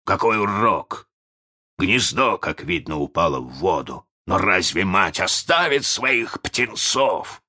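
A man's voice: low voice, sing-song, takes it slowly, sharp tone, pitched above the performer's own voice, exaggerated voice. A man voicing a vain, dramatic pirate captain in a storybook reading, with grand, theatrical speech. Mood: grandiose. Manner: theatrical, grandiose, swinging between pomp and rage.

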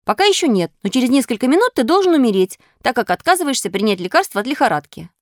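Storybook: woman playing grim rabbit undertakers, flat and ominous. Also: a little high, fast talker, dry recording, studio quality, voice pushed up. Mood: solemn. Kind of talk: storybook reading.

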